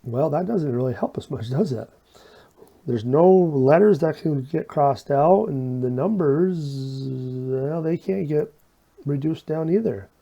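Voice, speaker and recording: Man, math teacher, very mellow dark tone, unhurried pace, whistling s, informal step-by-step explaining, folksy self-questioning. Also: on the high side, creaky, dull audio. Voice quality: whistling s sounds. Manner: folksy, asks and answers own questions. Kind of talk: informal step-by-step video lesson, talking while working problems.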